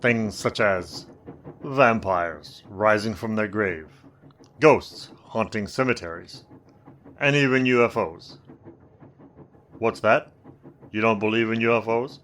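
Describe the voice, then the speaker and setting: A man's voice: on the low side, slow pace, pauses often, a bit bright, slight background noise. A man playing a sinister, teasing storyteller who hosts an old-time radio horror tale with theatrical, wry delivery. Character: sinister, teasing male mysterious storyteller of eerie tales. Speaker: host narrator.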